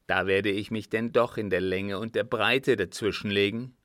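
A man reading an audiobook voices a gruff old field marshal who bursts out loudly with blunt oaths. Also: on the low side, fairly even intonation, moderate pace, no echo, studio quality, lightly acted. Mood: gruffly tender. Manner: loud blunt outbursts and oaths.

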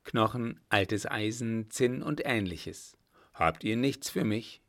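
A man voicing a confident young lieutenant in a calm, assured way, in a storybook reading. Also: lowish voice, slow pace, vocal fry, heavily acted.

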